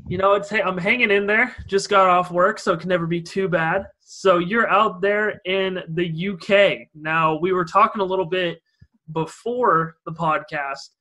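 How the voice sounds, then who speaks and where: Young male host from Idaho, higher voice, bright and forward tone, chatty. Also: fairly even intonation, moderate pace. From Idaho, USA. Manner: loose, filler-heavy questions. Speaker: podcast host. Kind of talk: casual interview chat.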